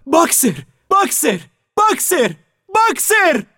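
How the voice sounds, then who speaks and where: A man voicing a motherly mare who calls out in shrill, pleading cries. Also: wildly swooping pitch, sharp tone, no echo, clean studio sound, heavily acted. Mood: desperate. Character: motherly female mare, panicked and desperate. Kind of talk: audiobook character voice.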